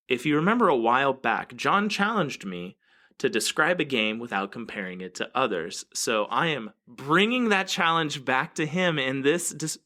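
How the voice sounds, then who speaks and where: Podcast guy hosting a gaming show, jokey and goofy, voice bounces all over, bright. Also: mid-range voice. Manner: joking, laughs often, animated. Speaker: podcast co-host. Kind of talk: casual chat.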